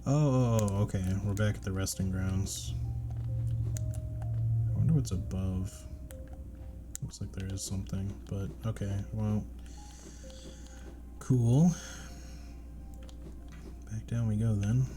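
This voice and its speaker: A man's voice: on the low side, takes it slowly, long pauses, over music. A man giving casual, laid-back let's play commentary, muttering asides to himself as he plays. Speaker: gaming streamer playing and commenting.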